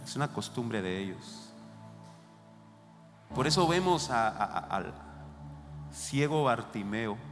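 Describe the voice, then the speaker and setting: A man's voice: mid-range voice, animated, slow pace, long pauses. Fervent preaching man in echoey church. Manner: fervent preaching, addresses the congregation directly. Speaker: pastor. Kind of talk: Sunday sermon. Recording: echoey church hall with music behind.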